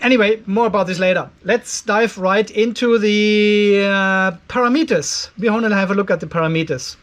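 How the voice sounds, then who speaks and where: A man in his fifties who hosts an off-grid solar channel gives a casual explainer vlog to camera from a cluttered garage workshop. Conversational and openly critical, he goes step by step in a high-pitched, fairly bright voice at a moderate pace.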